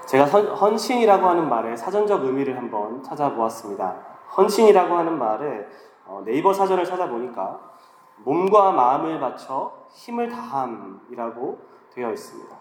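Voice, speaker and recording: A man's voice: mid-range voice, big pitch swings, moderate pace. Congested, nasal man preaching in an echoey hall. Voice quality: congested, pinched-nose nasal voice from a cold. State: has a cold, stuffed-up nose. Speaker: preacher, guest speaker at a church young adult service. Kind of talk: sermon. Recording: echoey hall, faint background noise.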